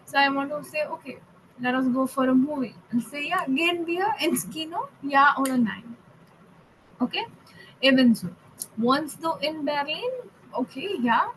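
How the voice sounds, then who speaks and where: A high-pitched woman teaches a language class over a video call. She stresses key words slowly and keeps checking in with "okay?". A faint hiss sits under her voice. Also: sharp tone, poor audio.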